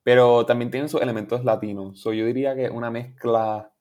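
Speaking quickly in a medium pitch, this young Puerto Rican man with a Puerto Rican Spanish accent is a musician guest in a laid-back interview. He wanders through his thoughts, restarts a lot, laughs readily, and drops English words into his speech.

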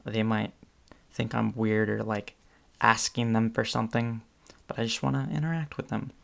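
This young man's voice sits on the low side, level in tone and creaky, at normal speed. Hosting his own podcast, he rambles casually through a solo monologue with plenty of ums and restarts.

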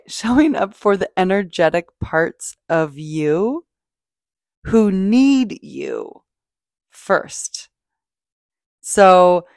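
A fairly low-pitched woman hosts a podcast of unscripted, casual self-help talk, effusive, emphatic, and full of swearing. The sound is studio quality, with no room sound.

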